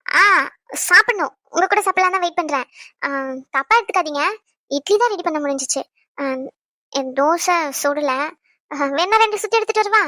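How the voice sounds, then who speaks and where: A woman's voice: very high-pitched, lively intonation, normal speed, pauses often, sharp tone, no room sound, clean studio sound, full character voice. A young woman playing a caring pregnant wife in an audio drama, chatty, fussing and tender. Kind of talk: Tamil audio drama acting.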